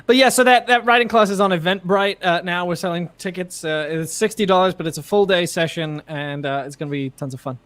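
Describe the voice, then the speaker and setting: Halting man with a higher voice. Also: fairly bright tone. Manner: halting, with many filler pauses. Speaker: podcast guest. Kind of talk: casual livestream chat.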